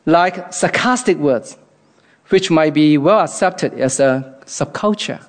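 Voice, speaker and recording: A man's voice: on the high side, lively intonation, slow pace. A man from Hong Kong with a Hong Kong accent, giving an earnest, reflective devotional talk.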